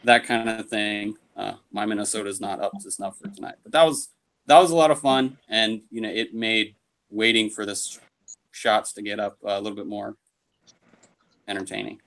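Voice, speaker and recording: A man's voice: on the low side, fairly even intonation, normal speed, fairly bright tone. A man, a cast member in a casual online Q&A, telling a funny story from set. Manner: jokey storyteller.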